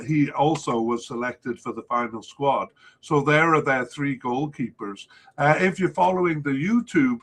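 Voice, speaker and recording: A man's voice: medium pitch, fairly bright tone. A man hosting a solo soccer preview podcast, talking through squad lists with many hesitations and filler sounds. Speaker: podcast host.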